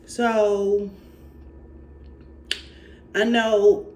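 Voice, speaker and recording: A speaker from Alabama with a country Southern accent, talking slowly and haltingly in a personal faith testimony and encouragement vlog. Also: medium pitch, flat delivery, a little mellow, slight background noise. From Alabama, United States. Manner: slow, halting country drawl. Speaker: faith vlogger.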